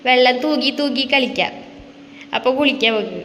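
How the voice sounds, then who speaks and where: A high-pitched woman chats with her toddler in a coaxing, sing-song voice, asking question after question. The sound is roomy, with a long reverb tail and a faint hum of background noise, as if from a home kitchen. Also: moderate pace, a bit bright. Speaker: vlogger and mother. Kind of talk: casual chat with a small child.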